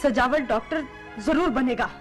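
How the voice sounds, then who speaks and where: A woman's voice: high voice, moderate pace, soft background music, lightly acted. An actress playing a determined mother who speaks in a firm, resolute way. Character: determined mother defending her son's future. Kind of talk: television drama acting.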